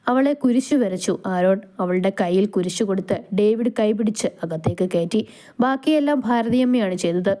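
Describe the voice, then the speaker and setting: A woman narrating a romance story aloud in an even, unhurried reading style. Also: mid-range voice.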